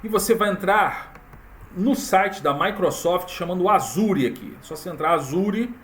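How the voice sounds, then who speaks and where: A man walking viewers through a software tutorial in a casual, chatty way, full of fillers and tag questions. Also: high voice, expressive, measured pace, a little hiss or hum. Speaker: tutorial presenter. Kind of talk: casual screen-recorded tutorial.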